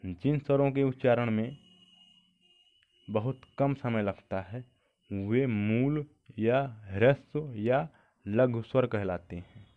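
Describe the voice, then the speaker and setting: A man's voice: medium pitch, slow. A man teaching an exam-prep grammar lesson. He asks questions and answers them himself, repeating the key points. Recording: tinny lo-fi phone-like sound.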